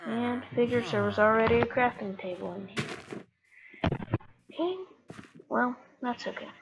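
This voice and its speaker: A woman's voice: on the high side, steady tone, normal speed. A woman rambling casually through a Minecraft let's-play, self-correcting as she goes and losing her voice. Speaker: gaming YouTuber. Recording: dull lo-fi mic with clear background noise.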